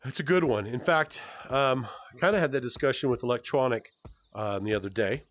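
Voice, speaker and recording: Through a headset mic with the highs cut off, a friendly gaming YouTuber in his forties rambles through a fan Q&A while in a VR game. He talks fairly quickly at a normal pitch, peppering his speech with fillers and fixing sentences midway.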